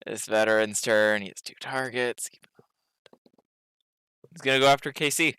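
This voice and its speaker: A man acting as game master, narrating a casual tabletop game in a halting way, thinking aloud as he goes. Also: medium pitch, steady tone, sharp tone, clean tone, no echo.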